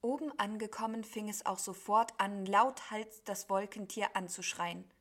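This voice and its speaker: A woman reading a storybook tale aloud in a measured, expressive way. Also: mid-range voice. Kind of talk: storybook narration.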